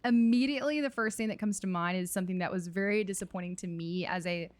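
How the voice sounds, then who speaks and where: A woman's voice: medium pitch, fast. A woman panelist on a casual chat, talking emphatically and building up her point.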